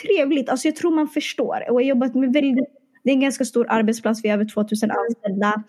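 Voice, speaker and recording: A woman in casual conversation, telling an animated story and acting out the dialogue, with English and Arabic phrases mixed in. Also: fairly high pitch. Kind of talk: casual chat.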